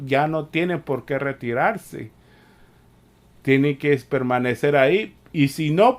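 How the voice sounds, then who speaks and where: A man delivers a sermon at a deliberate, unhurried pace. His voice sits fairly high and climbs higher and harder when he rebukes. He leans on repeated amens and restarts. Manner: slow, repetitive preaching with frequent "amén" and "mire"; rises in pitch and force when scolding. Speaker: preacher.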